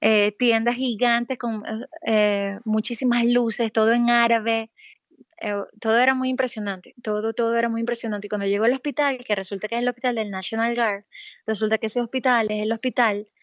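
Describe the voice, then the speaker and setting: Interviewed about her experiences, a Venezuelan woman who works as a pediatric cardiologist speaks thoughtfully, restarting often, using plenty of fillers and slowing for emphasis. Her pitch is fairly high with fairly even intonation. The audio is dull, with no room sound.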